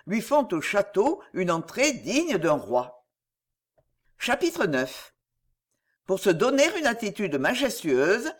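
Woman narrator for a storybook: slow, expressive, lively melody. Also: mid-range voice. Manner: expressive, measured. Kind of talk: storybook reading.

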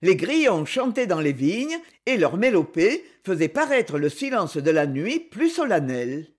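A man reading a novel aloud as narrator, with expressive storytelling. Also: high-pitched, unhurried.

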